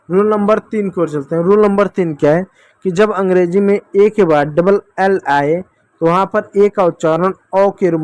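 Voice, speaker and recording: In a high, slightly mellow voice, a man leads an English phonics lesson for children, asking questions and patiently answering them himself. He repeatedly addresses them as "dear children," and the recording is dry.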